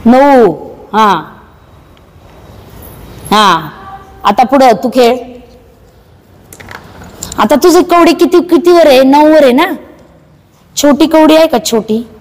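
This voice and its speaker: High-voiced woman teacher in echoey classroom. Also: animated. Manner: brisk, coaxing, hurrying children along. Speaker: primary school teacher. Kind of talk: classroom teaching through a game. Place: school classroom with children.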